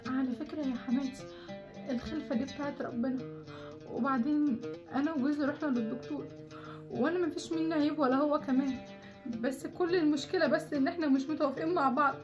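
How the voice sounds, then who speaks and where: A woman's voice: sits high, fast talker, lo-fi sound, music in the background, close to an everyday voice. A woman playing a patient, put-upon Egyptian young wife. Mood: pleading. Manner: calm, pleading.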